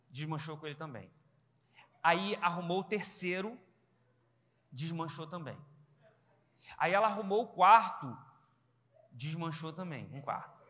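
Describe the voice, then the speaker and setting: A man telling a humorous family story in a sermon, animated and acting out quick dialogue between relatives. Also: sits high, in a large hall. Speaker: preacher.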